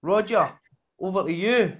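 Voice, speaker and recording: A man's voice: high voice, unhurried. A man hosting a podcast, introducing his guest and prompting him with brief, encouraging questions. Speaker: podcast host. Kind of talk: casual interview hosting. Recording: dull lo-fi audio.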